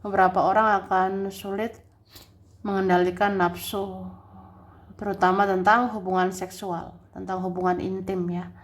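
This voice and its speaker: A woman's voice: mid-range voice, flat delivery, normal speed. A woman giving a casual tarot reading, chatty, restating each point several times and laughing often. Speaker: tarot reader.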